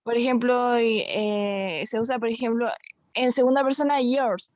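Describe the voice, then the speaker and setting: A woman's voice: fairly high pitch, steady tone, normal speed, a little mellow, no echo. A woman student on a video call, hesitantly asking her teacher a question and searching for words.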